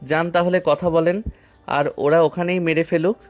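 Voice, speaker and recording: Guy playing a cool teasing young hero, slightly high voice. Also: steady tone, moderate pace, faint music behind, lightly acted. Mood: casual. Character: calm, cheeky young male hero Akash.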